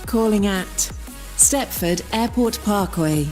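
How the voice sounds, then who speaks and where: A woman's voice: mid-range voice, slow pace, a little mellow, soft background music. A woman's recorded platform announcements, made of separate words spliced together. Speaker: platform announcer in a video game.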